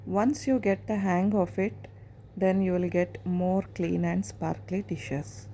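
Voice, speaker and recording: A woman in her thirties with a South Indian accent, narrating a casual home vlog in plain everyday phrasing with hesitant pauses. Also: fairly low pitch, fairly even intonation, warm tone. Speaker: home vlogger.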